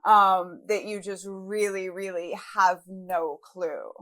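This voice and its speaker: A woman's voice: medium pitch, fairly even intonation, takes it slowly, fairly bright tone. A woman in her thirties from Brazil, a guest author talking candidly in a casual interview with frequent fillers. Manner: candid, reflective, many fillers.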